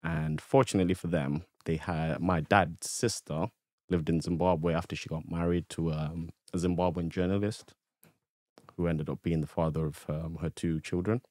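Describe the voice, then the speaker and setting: Young guy from ethiopia, real low voice, laid back storytelling, dry close sound. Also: moderate pace, no room sound. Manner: relaxed, easygoing storytelling. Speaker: podcast guest. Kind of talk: casual chat.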